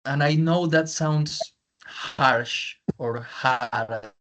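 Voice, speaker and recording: Speaking extremely slowly, a man with a mid-range, fairly bright voice gives English feedback over a video call. He's a native Spanish speaker with a strong accent who frequently repeats his points in Spanish.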